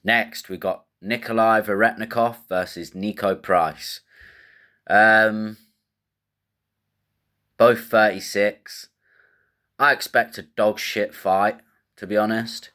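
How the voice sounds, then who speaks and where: A man's voice: fairly low pitch, pushed and bright. A man hosting a casual fight-betting show, thinking aloud in a rambling, slangy way with casual swearing.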